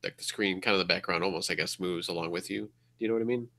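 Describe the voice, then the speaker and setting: A man co-hosting a gaming podcast, asking halting questions that trail off. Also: sits low, bright, forceful tone. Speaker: podcast co-host. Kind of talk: casual gaming chat.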